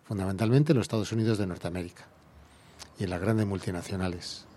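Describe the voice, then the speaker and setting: A man's voice: low voice, quick pace, background noise. Indignant Andalusian man, heated rhetoric. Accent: Andalusian Spanish. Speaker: environmental activist guest. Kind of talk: radio interview.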